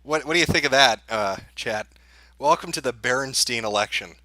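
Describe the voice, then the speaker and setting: A man's voice: mid-range voice, moderate pace, bright, forceful tone, no room sound, low-quality recording. A man hosting a livestream as an off-the-cuff election night analyst, thinking aloud as he reads out results in casual live commentary. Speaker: livestream host.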